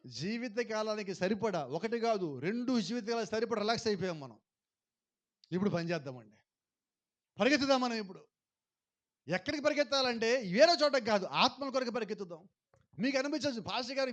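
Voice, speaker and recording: A male pastor preaching a sermon, mixing in English phrases and urging the congregation to respond louder. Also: high voice.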